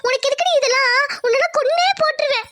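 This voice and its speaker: A woman voicing a hot-tempered village mother berating her daughter in a cartoon. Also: fast. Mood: furious. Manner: shrill, berating. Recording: loud background noise.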